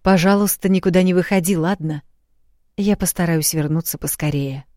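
A woman reading an audiobook, voicing a tender young prince who speaks softly and murmurs. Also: fairly low pitch, moderate pace, no room sound, clean studio sound, natural voice. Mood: brisk.

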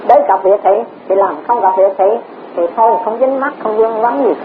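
In a Buddhist Dharma talk, a woman with a slightly high voice speaks briskly, repeating words and asking rhetorical questions. She chuckles often. The lo-fi recording is tinny, with a faint hiss.

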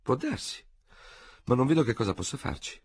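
A man's voice: mid-range voice, sing-song, fairly quick, creaky, darkish tone, husky, no echo, pitched above the performer's own voice, exaggerated voice. A man voicing a proud, cold French general who speaks with formal, ironic gravity. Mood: coldly ironic.

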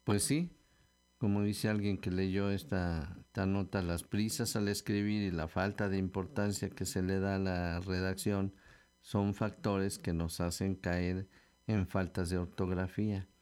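A middle-aged Mexican-accented man hosting a radio show, explaining spelling rules in a relaxed, chatty way with filler words. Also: sits low, a little slow, smooth. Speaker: radio host.

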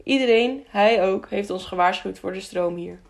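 A woman's voice: mid-range voice, normal speed, gravelly, close to an everyday voice. A woman voicing a brave, protective young man who speaks curtly but with care. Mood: urgent. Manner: curt, caring.

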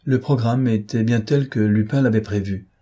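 A man narrating a novel as an audiobook, in steady, measured storytelling. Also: on the low side.

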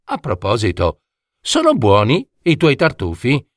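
A man's voice: mid-range voice, huge pitch swings, unhurried, no room sound, clean studio sound. A man voicing a chatty, know-it-all male talking dormouse in a fairy tale he reads aloud, speaking eagerly and proudly. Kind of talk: storybook reading.

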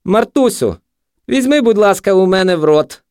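A man voicing a jeering, unhinged young male street junkie who yells taunts. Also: high voice, animated, moderate pace, clean tone, no echo, studio quality, pitched above the performer's own voice. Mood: taunting.

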